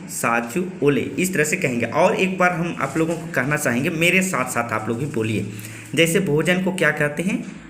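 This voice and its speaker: A man's voice: on the high side, a bit bright, a little hiss or hum. Patient man teaching words in an echoey room. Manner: slow, careful, patient, repeating words for learners. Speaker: language teacher. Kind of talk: spoken language lesson with repeat-after-me drills.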